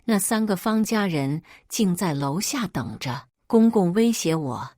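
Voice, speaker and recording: A woman reading a first-person family drama story aloud, expressive and emphatic. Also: lowish voice, unhurried, dry recording, clean studio sound. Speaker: story narrator.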